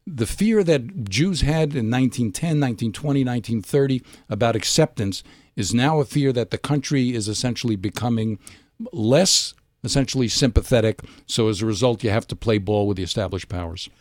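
A man from New York, a political editor guest on a radio panel, speaking in a measured, analytical way. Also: medium pitch, animated, a little mellow, no room sound, studio quality. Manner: measured, analytical, with hesitant restarts.

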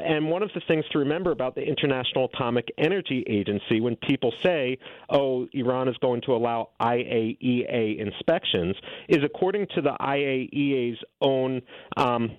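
Over a tinny, phone-like line with no echo, a middle-aged man with a mid-range voice is interviewed as a guest author and policy analyst. He makes his policy case fluently and with assertiveness.

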